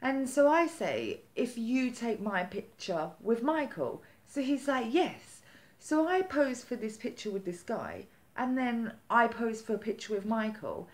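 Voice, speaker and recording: A woman vlogger telling a story in casual chat, animated and chatty, acting out the quotes with lively jumps in her voice. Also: a little high, a little slow, hardly any pauses. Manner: chatty with many "like" fillers.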